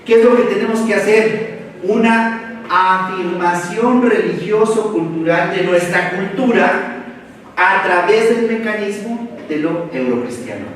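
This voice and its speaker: A Mexican man lectures a seminar in a big, echoey room, standing well back from the mic. His voice sits a little high for a man. He drives his points with rapid rhetorical questions and slangy asides, over a faint hiss of background noise. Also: animated, far from the mic. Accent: Mexican Spanish.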